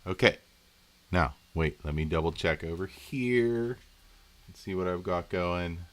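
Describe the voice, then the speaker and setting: A man's voice: sits low, measured pace. A man hosting a casual live stream from home, rambling in a folksy way as he talks to his viewers.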